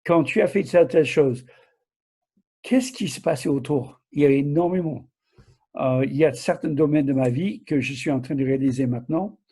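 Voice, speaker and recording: An older man preaches informally in a soft-edged, husky voice. His accent blends southern France with America, and his French is a little broken, with halting self-corrections and small questions to the listener. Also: medium pitch. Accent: mixed southern French and American. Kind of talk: informal Bible teaching.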